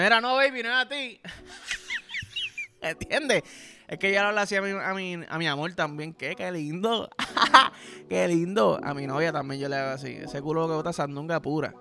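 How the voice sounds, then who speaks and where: Puerto Rican guy, young, host; loose, foul-mouthed storyteller with a high, lifted voice. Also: fairly bright tone. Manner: profane, rambling storyteller. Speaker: podcast host. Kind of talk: casual comedic monologue.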